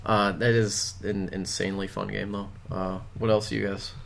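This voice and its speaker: A man's voice: lowish voice, flat delivery, normal speed, vocal fry, a little hiss or hum. A man hosting a casual group chat, rambling with fillers and laughing often.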